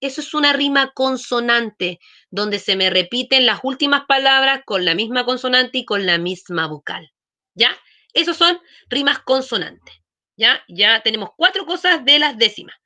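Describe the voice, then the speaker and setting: Woman, schoolteacher, bright and slightly high voice, patient online lesson. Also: animated, moderate pace. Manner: explains patiently, checks in often with questions.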